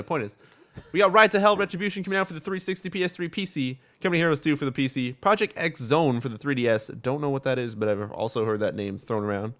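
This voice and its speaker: A man's voice: a little high, a bit bright. A man hosting a casual gaming podcast, reading out news in a rambling, swear-filled way and stumbling over game names.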